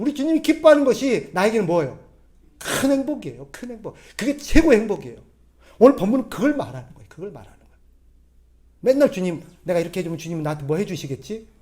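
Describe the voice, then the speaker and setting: Male pastor, high voice, conversational sermon full of questions to the congregation. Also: darkish tone. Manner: acts out quoted voices in a gruff tone.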